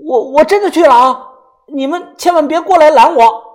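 A man voicing an excitable, defensive young man in an audiobook, shouting his innocence in a shrill voice. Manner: shrill, indignant, quick to shout. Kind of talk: audiobook character voice.

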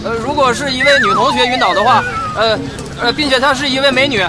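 A man's voice: very high voice, fast. A man playing a cheeky young trainee in a comedy skit, answering formally and with a straight-faced impudence. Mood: earnestly cheeky. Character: cheeky, obedient young male trainee cadet. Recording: loud music and crowd noise behind.

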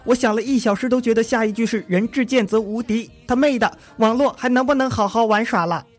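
A man's voice: very high voice, fairly quick, soft background music, pitched above the performer's own voice. A man voicing an exasperated, panicky student in a comic radio skit, with whiny, overwrought outbursts. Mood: indignant. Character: exasperated, panicky exam student, loudly griping.

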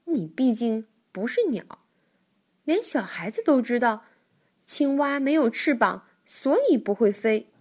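A woman voicing a cautious, sensible male rabbit in a children's storybook, calm and doubtful. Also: on the high side, measured pace. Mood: reasoning. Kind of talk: storybook reading.

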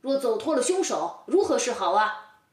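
A man's voice: very high voice, very animated, normal speed, reverberant, recorded from a distance. A woman playing a haughty young nobleman. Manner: haughty, blustering.

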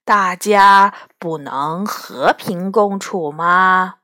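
A woman reading a children's story, voicing a gentle, weary beast head that speaks slowly and patiently. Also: lowish voice, voice pushed down, heavily acted. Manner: slow, patient, sighing.

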